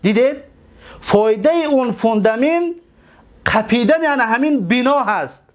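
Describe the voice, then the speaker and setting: A man with a Tajik accent teaching a grammar class. He explains slowly, repeats words and keeps asking his students questions. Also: extremely high pitch, expressive.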